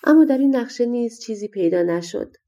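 A woman's voice: on the high side, lively intonation, mellow, highs cut off. A woman narrating a fairy-tale audiobook in a colloquial, spoken-style reading. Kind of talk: scripted storybook narration.

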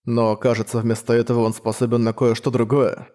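A man voicing a cold, detached young male hunter who talks flat and emotionless. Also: medium pitch, a little fast, close to an everyday voice.

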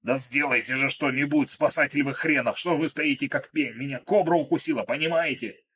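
A man's voice: fairly low pitch, normal speed, fairly bright tone, slightly rough. A man voicing a panicky, self-pitying wounded man who cries out shrilly and desperately. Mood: panicked shrieking.

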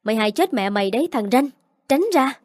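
A woman reading the part of a spiteful young aunt who scolds a child, fast and sharp. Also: a little high, animated, dry recording, studio quality, close to an everyday voice. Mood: furious. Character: spiteful young stepmother-aunt, shrill and cruel.

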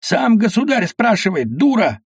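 A man voicing a fussy, servile watchman who shouts eagerly to his ruler in a high voice. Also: animated, moderate pace, gravelly, breathy edge, no room sound, studio quality, heavily acted. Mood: fawning eager. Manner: obsequious, shouting. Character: fussy servile old watchman in a sheepskin coat.

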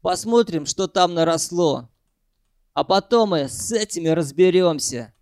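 A cocky gang leader and failed chemistry student lays things out at his own slow, easy pace, as a man puts him on. The voice sits fairly high and dry, close to the mic, for an audiobook. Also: expressive, a little mellow, dry recording. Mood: sly, explaining.

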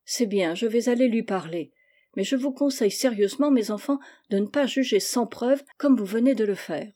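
A woman voicing a kindly stern old gentleman. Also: a little high, close to an everyday voice. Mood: admonishing. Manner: measured, gently admonishing.

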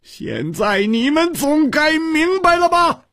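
A man voicing a frantic young swordsman, shouting in a shrill, hoarse voice. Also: big pitch swings, takes it slowly, no echo, studio quality, full character voice. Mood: desperate pleading.

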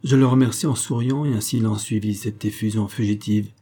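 A man reading a literary novel in the first person as an audiobook narrator, measured and reflective. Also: on the low side, steady tone, warm tone, husky.

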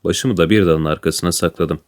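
A man narrating a children's storybook in a quiet, measured way. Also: sits low. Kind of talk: storybook reading.

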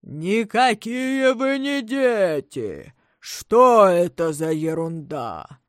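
A woman voicing a big, hungry, grumbling male bear in a storybook, speaking slowly and low in a growl. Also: very animated, dry recording, studio quality. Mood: gruff. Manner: slow, low growling delivery.

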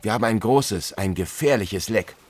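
A man voicing a loud, bluff middle-aged sea captain in a radio play, bellowing orders through a storm and dropping English sailor words into his German. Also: on the low side, normal speed, slight background noise, pitched above the performer's own voice, natural voice. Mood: gruff relief.

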